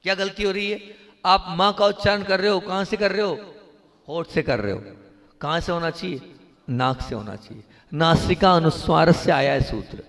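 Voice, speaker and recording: A man, a Jain monk, preaches to a gathered audience in a fairly high voice, teaching slowly and checking in with frequent questions. His words ring out with a long echo around a large hall, and now and then he draws syllables out into a sung chant. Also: fairly bright tone. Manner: instructive, repeatedly asks the audience questions. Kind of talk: devotional sermon and pronunciation lesson.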